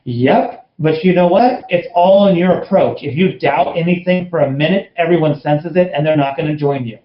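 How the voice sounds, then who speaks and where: Man, slightly high voice, blunt and emphatic, motivational storytelling, roomy lo-fi recording. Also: moderate pace. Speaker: network marketing leader, interview guest. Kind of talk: casual interview storytelling. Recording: roomy, dull lo-fi sound.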